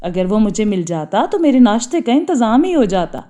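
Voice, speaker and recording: A woman voicing a sly, hungry female cat in an animated storybook, speaking in a mocking way. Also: on the high side.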